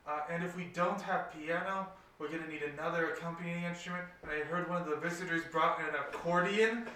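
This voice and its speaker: An anxious young townsman pleads for a favor in a hurried, apologetic rush, as a game master voices him. His voice sounds bright and sharp. It is caught from a distance in a roomy space. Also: fairly high pitch, steady tone. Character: anxious young man fetching a friend. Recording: roomy room, distant mic, faint noise.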